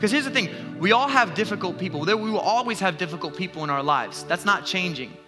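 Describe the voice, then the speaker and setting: A man in his thirties preaching a sermon, telling a story about his toddler son with lively, self-mocking energy and frequent restarts before turning earnest. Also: high voice, fast talker, music in the background. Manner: animated storytelling with self-deprecating laughs and repeated restarts. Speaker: pastor.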